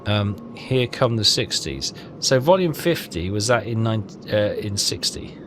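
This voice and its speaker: Over game music and a noisy background, a gamer records a walkthrough, thinking aloud in a hesitant mutter. His voice is lowish, expressive, and unhurried as he casually comments on the game.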